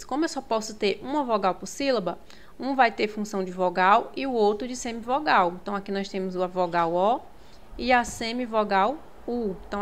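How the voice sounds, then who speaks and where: A woman teaching a grammar lesson, patiently working through exam questions and checking in with her students as she goes. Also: medium pitch. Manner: patient, repeats key words, checks in with "tá?" and "ó".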